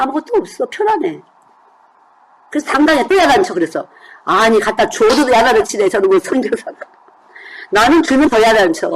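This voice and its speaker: A woman's voice: medium pitch, rough recording. Woman preaching a chatty sermon. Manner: conversational, asks the congregation questions. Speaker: children's missionary preacher.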